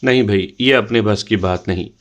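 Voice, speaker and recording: A man's voice: lowish voice, close to an everyday voice. A man voicing a good-humoured young doctor who jokes along with his cousins. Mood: easygoing. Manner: easygoing, laughing.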